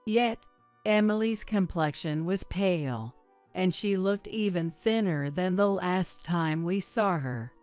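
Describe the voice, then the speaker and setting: Lady reading out a story slow and measured, smooth clear voice, lowish. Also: a little mellow, faint music behind. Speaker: narrator. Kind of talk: scripted story narration.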